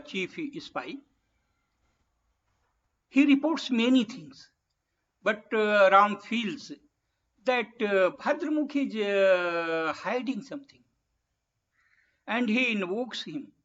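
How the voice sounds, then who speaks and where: A high-pitched man gives a public lecture at an unhurried, measured pace. He halts often, pausing and restarting his sentences. The sound is dull and lo-fi. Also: lively intonation, fairly bright tone. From India. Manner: halting, many pauses and restarts. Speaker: guest speaker.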